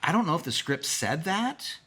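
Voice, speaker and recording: A man in a casual roundtable chat who makes quick, jokey asides. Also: a little high, sing-song, fairly bright tone, slightly rough. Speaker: show creator.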